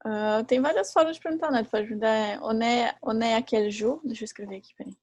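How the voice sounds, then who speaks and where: A woman teaching a live online class who explains patiently and repeats each example slowly. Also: a little high, darkish tone, dry recording. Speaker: French teacher.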